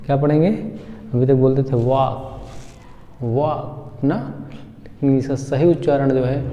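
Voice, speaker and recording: A man teaching English pronunciation at an unhurried pace. He drills each example word again and again and keeps quizzing his listeners. The room rings with a long echo, and the recording sounds muffled and lo-fi. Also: mid-range voice. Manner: patient, repetitive, drills words aloud and keeps asking "what will we say?". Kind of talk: Hindi-language pronunciation lesson. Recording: echoey room, dull lo-fi sound.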